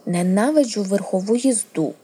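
A woman's voice: on the high side, expressive, fairly quick, warm tone, slightly rough, voice pushed up. A woman reading a storybook, voicing a prim, proper young noble girl who speaks with a primly indignant tone.

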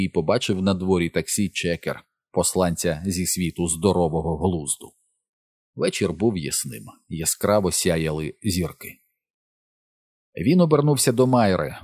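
A man narrating an audiobook in a measured literary reading. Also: low voice, warm tone, no room sound, studio quality.

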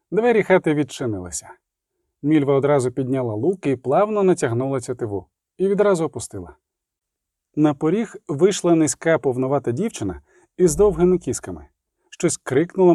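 A man narrating a story in a measured, expressive way. His pitch moves freely and sits a little high for a man. The recording is dry and close. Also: no room sound. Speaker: audiobook narrator. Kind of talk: scripted narration.

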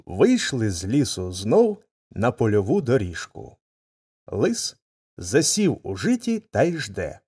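Husky man reading a folk tale. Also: on the low side, takes it slowly, dry recording, clean studio sound. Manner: expressive, dramatic intonation. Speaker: narrator. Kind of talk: storybook reading.

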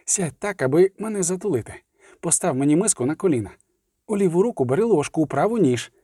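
A man's voice: high-pitched, very animated, fairly quick, slightly rough, no room sound, studio quality, pitched above the performer's own voice, heavily acted. A man hissing as a scheming young captive. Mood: hissed urging. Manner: hushed hissing commands. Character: cold scheming young male prisoner, hissing.

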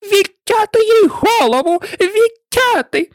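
A woman voicing a furious, tyrannical female queen with a piercing, shrill voice, barking orders in an audiobook. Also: wildly swooping pitch, moderate pace, no room sound, clean studio sound. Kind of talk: audiobook character voice.

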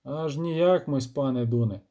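Give me a man playing a cold, measured monster hunter with a dark, mellow voice. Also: medium pitch, natural voice.

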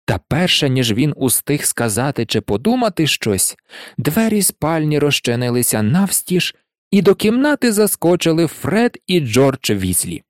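A man narrating an audiobook in an expressive storytelling manner. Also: a little high, a little slow, dry recording, studio quality. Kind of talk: audiobook reading.

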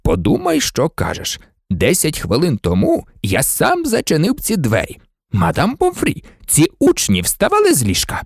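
A man voicing a calm, wise old male headmaster who speaks quietly and unruffled in an audiobook. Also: on the high side, moderate pace, creaky, slightly rough, dry recording, clean studio sound, voice pushed up, heavily acted. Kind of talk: audiobook character voice.

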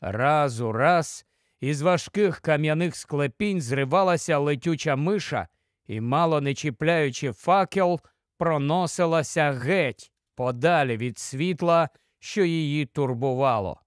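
A man narrating an audiobook in a steady storytelling manner. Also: on the high side, measured pace, no echo, studio quality. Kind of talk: scripted narration.

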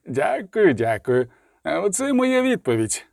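A man reading aloud voices an arrogant male sorcerer who speaks calmly and sonorously with mocking politeness. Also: high voice, a little slow, gravelly, no echo, studio quality, pitched above the performer's own voice, exaggerated voice. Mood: sneering. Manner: sneering, calm and sonorous.

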